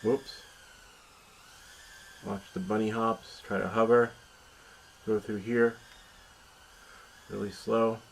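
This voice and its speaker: In a rough recording full of steady room noise, a man narrates his hobby how-to vlog from inside his house. His low, gravelly voice holds a level tone at a slow pace with long pauses. He rambles casually, mutters to himself, and cracks playful, self-deprecating jokes.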